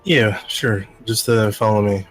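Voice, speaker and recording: A man runs a tabletop game in a loose, laid-back way, swearing as he narrates and speaks for the people his players meet. His voice sits somewhat low, and soft music plays behind him. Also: a little slow. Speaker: dungeon master.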